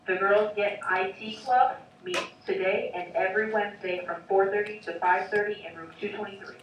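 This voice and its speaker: A woman reading the afternoon announcements over a school intercom loudspeaker in a steady list-reading way. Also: medium pitch, normal speed. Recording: echoey distant loudspeaker with background noise.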